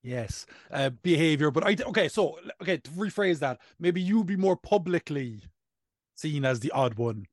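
A man's voice: on the high side, animated, moderate pace, dry recording, clean studio sound. A man in his thirties with an Irish accent, hosting a casual comedic podcast in a playful, self-mocking way. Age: 30s. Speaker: podcast host.

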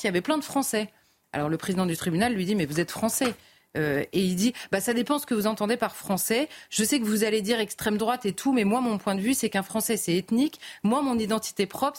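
Hesitant French woman recounting a trial. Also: medium pitch. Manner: recounts court testimony with many hesitations and restarts. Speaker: court reporter on a TV panel. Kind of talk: live TV news debate commentary.

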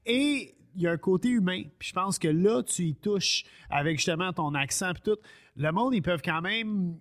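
A man hosting a podcast, chatting about wrestling in a relaxed way. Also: high voice, moderate pace. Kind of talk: casual chat.

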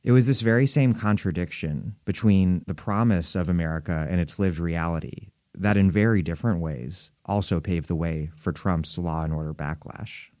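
A man's voice: low voice, moderate pace, few pauses, a little mellow, no room sound, clean studio sound. A man reading a scripted introduction as the host of a podcast.

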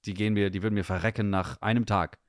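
A man's voice: fairly low pitch, steady tone, fast talker, no room sound, clean studio sound. A young man from northern Germany, a guest chatting casually in an interview, rambling with many fillers.

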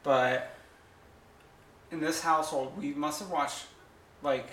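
A man's voice: fairly high pitch, fairly even intonation, sharp tone, roomy sound, a little hiss or hum. A man co-hosting a podcast, chatting casually and gossiping eagerly about reality TV. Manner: gossipy, chatty, quick asides. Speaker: podcast co-host. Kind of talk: casual chat.

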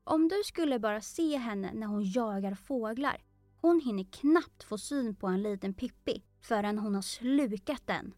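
A woman's voice: on the high side, lively intonation, darkish tone, no echo, soft background music, lightly acted. A woman voicing Alice, a curious, polite young girl who talks earnestly and eagerly in a storybook.

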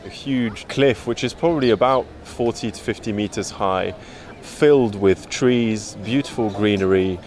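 A man's voice: on the low side, moderate pace, hardly any pauses, a little mellow, slight background noise. A man hosting a travel show, describing places outdoors with enthusiastic, vivid narration. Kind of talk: travel presenting.

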